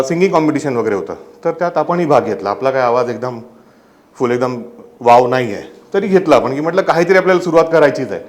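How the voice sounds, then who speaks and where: A young man from Mumbai with a Marathi accent, performing a stand-up comedy set and telling stories that break into sudden loud, indignant outbursts. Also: mid-range voice. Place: comedy club stage.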